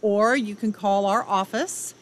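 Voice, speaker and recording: Woman explaining, medium pitch, some noise. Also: steady tone, measured pace. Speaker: ranch development director, radio guest. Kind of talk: conversational interview talk. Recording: clear background noise.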